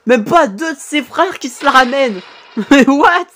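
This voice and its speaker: A man giving casual, excitable reaction commentary on videos, exclaiming often. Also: extremely high pitch, a little slow. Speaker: YouTube reactor.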